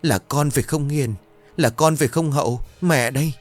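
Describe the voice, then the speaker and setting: A man's voice: a little high, moderate pace, faint music behind, voice pushed up, lightly acted. A man voicing a grieving older mother who sobs and pleads in a raised voice. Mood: sobbing. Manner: sobbing, pleading. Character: grieving old mother, sobbing.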